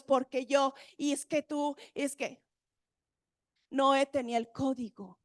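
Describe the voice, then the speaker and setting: A woman delivers a sermon in a high voice. She reads scripture and puts questions to her listeners. The sound is close and dry. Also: no echo. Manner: animated preaching with Bible readings and questions to the audience. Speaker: preacher.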